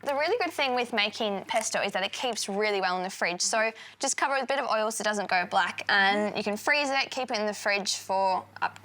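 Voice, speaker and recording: A woman's voice: medium pitch, fairly quick, hardly any pauses, pushed and bright. Upbeat young woman cooking. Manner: upbeat, chatty, explains steps plainly. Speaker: guest cook, former cooking contestant. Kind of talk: casual cooking demonstration. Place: studio kitchen.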